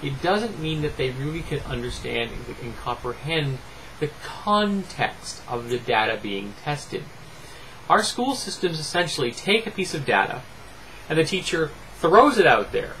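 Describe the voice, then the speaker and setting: A middle-aged man giving an opinionated book review to camera in deliberate, emphatic phrases with pauses. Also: fairly high pitch, low-quality recording. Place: small home room lined with bookshelves. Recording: clear steady fan noise. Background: electric fan noise.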